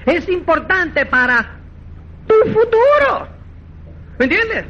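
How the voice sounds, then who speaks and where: A man giving a motivational network marketing seminar, animated and acting out quoted dialogue, repeatedly checking that listeners follow. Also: very high-pitched, slow, muffled recording. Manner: animated, acts out quoted dialogue, keeps asking "¿me entiendes?".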